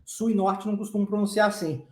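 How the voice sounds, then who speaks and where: This Southeastern Brazilian-accented man runs a live online English pronunciation class, explaining things casually and chattily while checking in often with "tá?" and coughing at times. He speaks fast in a high, level, slightly mellow voice, and the audio is reverberant.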